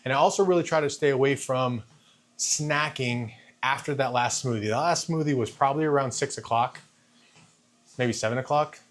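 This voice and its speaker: A man in his fifties giving a casual, halting vlog monologue, thinking aloud and repeating phrases while walking on a treadmill. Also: mid-range voice. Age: 50s. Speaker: fitness vlogger.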